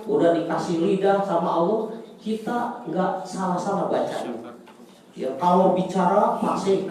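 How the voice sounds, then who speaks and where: A man teaching an Arabic class, lively and teasing with his students. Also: fairly high pitch, a little hiss or hum. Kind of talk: classroom lesson. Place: indoor classroom. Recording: echoey room, far from the mic.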